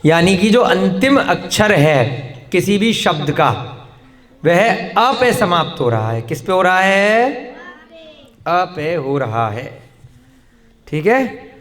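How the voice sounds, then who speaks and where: High-voiced male teacher in a reverberant classroom. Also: very animated, slow, pauses often, a bit bright. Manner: drills students with repeated questions and answers. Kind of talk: classroom lesson with questions to students. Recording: long hall reverb.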